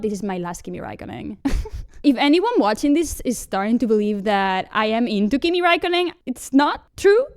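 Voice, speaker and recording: A woman hosting a comic fan fiction reading, with wry, sarcastic, laughing asides. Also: mid-range voice.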